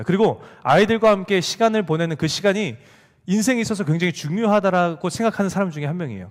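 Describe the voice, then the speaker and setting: A male pastor giving a sermon to a youth group, telling a story and acting out the lines of the people in it. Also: sits high. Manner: animated storytelling, acts out quoted dialogue. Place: church sanctuary. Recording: long hall reverb.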